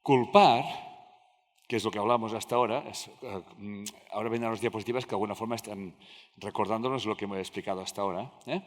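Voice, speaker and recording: A man's voice: lowish voice, fast talker. A man giving a live lecture to an audience, telling anecdotes, acting out dialogues and often checking that listeners follow. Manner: talks with the audience, acts out dialogues, asks "¿me siguen?" often. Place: large lecture hall with audience. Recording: reverberant hall.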